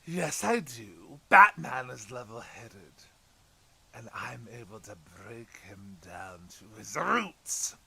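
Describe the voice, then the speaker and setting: In an audio drama, a man plays the Joker as an unhinged, anguished, menacing clown villain, swinging theatrically between hushed brooding and shouting. His mid-range voice is sing-song and creaky, paced slowly and heavily acted, with an intense mood.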